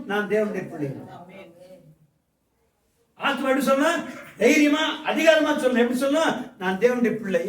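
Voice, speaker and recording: A man preaching a sermon in a very high voice, repeating himself and asking his listeners questions as he goes. He is picked up from a distance, with the room ringing around him. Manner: asks the congregation questions and repeats phrases. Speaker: pastor. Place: church hall. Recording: echoey hall mic from a distance.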